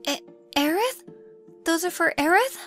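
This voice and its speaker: A woman's voice: very high voice, expressive, unhurried, a bit bright, faint music behind, heavily acted. A woman voicing an eager, hopeful teenage schoolgirl with a bubbly, blunt manner in a fan audio drama.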